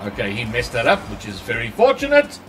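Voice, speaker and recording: This gaming streamer's medium-pitched voice swoops wildly in pitch and runs a little fast, altered by a voice changer. He comments on his gameplay live, chats with viewers between plays, and swears when things go badly. He is recorded from a distance, and faint music plays behind him.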